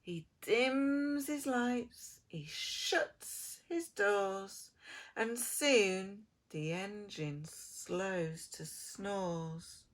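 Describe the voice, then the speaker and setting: Extremely slowly, a woman with a mid-range voice reads a children's picture book aloud. She takes on the role of an expressive preschool storyteller, dramatic, lingering on words and dropping into soft, hushed passages.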